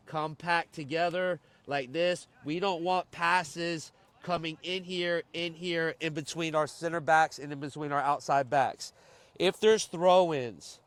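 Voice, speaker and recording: A man's voice: a little high, clear, resonant tone, no echo. Man giving a halftime pep talk, coach. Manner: instructive, repeats key points for emphasis; checks understanding with short questions. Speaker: youth soccer coach. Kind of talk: pre-game and halftime pep talk to a team.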